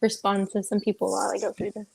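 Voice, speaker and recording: A woman's voice: mid-range voice, completely flat delivery, fast, gravelly, slightly rough. Woman, giggly, casual group chat, remote call, laughs a lot. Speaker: guest in a live stream game.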